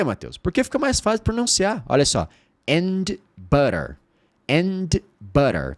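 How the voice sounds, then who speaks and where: A Brazilian man teaching English online, drilling phrases slowly word by word with animated emphasis. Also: mid-range voice, dry recording, studio quality. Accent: Brazilian Portuguese.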